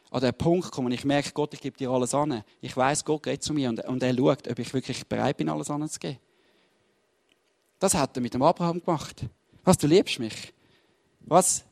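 A man with a medium-pitched, gravelly, darkish voice delivers a fervent sermon, reading and teaching from the Bible. He speaks emphatically and directly to his listeners, repeating his key words.

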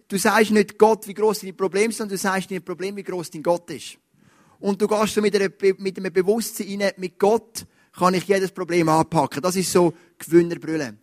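A man preaching a sermon as pastor, emphatic, swinging between loud urging and quiet asides. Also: sits high.

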